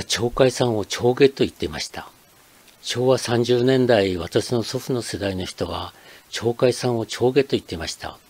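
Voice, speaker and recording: An older man from Akita, Japan, hosts a channel and reads scripted narration in a measured, explanatory manner. His voice sits lowish, with a somewhat dark tone.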